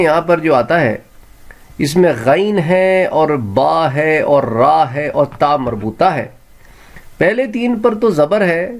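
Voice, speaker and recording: A man teaching a Quran reading lesson, sounding out each word slowly and clearly and then repeating it. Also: fairly high pitch. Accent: Pakistani Urdu.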